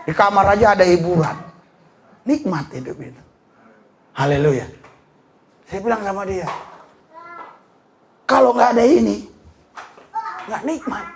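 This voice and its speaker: A man preaching a sermon as pastor, lively and full of laughter and shouted exclamations. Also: high-pitched, measured pace, pauses often, slight background noise.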